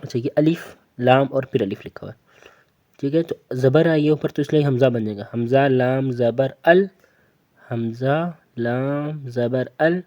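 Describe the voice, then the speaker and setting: A man's voice: medium pitch, dark tone. A man with a Pakistani Urdu accent teaching Quran reading, patiently spelling out letters and drilling each word again and again. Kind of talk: slow letter-by-letter recitation lesson.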